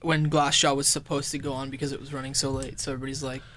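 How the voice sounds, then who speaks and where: Young guy, kinda flat talking, slightly higher voice, easygoing band member, faint hiss. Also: racing. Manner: easygoing, repeats words when starting. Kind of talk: casual interview chat.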